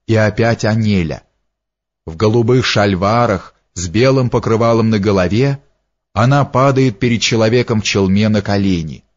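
A man narrating a historical novel in a measured, deliberate audiobook reading. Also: lowish voice. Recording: dull lo-fi recording.

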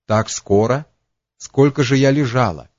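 A man's voice: medium pitch, measured pace, a little mellow, no room sound, highs cut off, close to an everyday voice. A man doing an anguished young princess.

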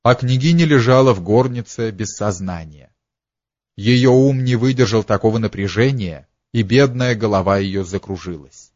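A man reading a literary story aloud as narrator, in a slow, dramatic storytelling manner. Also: fairly low pitch, a little mellow, no room sound, highs cut off.

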